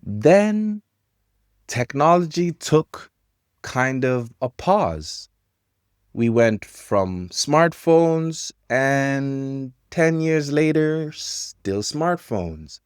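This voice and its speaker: A man in his thirties teaching English to learners, talking about technology in slow, simple sentences with pauses. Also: mid-range voice, animated, smooth, no room sound, clean studio sound. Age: 30s.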